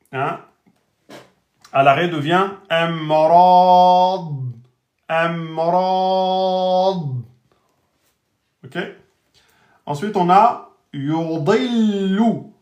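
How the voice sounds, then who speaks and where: A man teaching Arabic reading in a live online lesson, speaking at a very slow, deliberate pace in a somewhat higher voice. He breaks each word into letters and vowels and says it again and again. The sound is echoey, as if in a bare room. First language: French speaker teaching Arabic. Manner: spells out letters and vowels slowly, repeating words.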